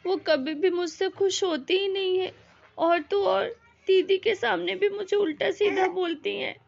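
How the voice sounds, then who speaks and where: A woman's voice: extremely high pitch, steady tone, measured pace, vocal fry, full character voice. A woman acting a meek, mistreated daughter-in-law who pleads in a family drama. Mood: tearful. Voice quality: pleading, tearful. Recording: dull lo-fi audio.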